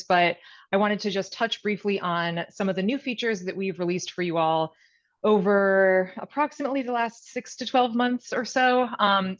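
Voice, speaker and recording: Upbeat woman presenting over a lo-fi video call. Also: medium pitch. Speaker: product director presenting a webinar. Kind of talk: casual presentation. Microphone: video call mic. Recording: dull lo-fi video call audio.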